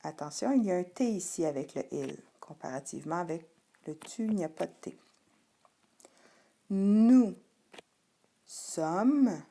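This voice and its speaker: A woman's voice: low voice, expressive, brisk, gravelly, mellow. A woman teacher giving a patient reading lesson to young children, sounding out letters and syllables one by one. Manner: spells out sounds and syllables carefully, addressing the child directly.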